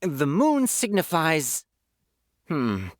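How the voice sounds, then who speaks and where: A woman voicing a musing, modest fortune reader in a video game, halting and cryptic in manner. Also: sits low, wildly swooping pitch, a little hiss or hum, heavily acted. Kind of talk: video game character acting.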